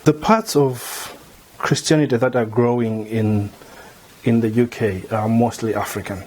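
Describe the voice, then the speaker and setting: A middle-aged man from Malawi, a theology lecturer, answering interview questions in a measured way, often repeating words as he thinks. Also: mid-range voice, fairly even intonation, a little mellow. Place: indoor room before a banner.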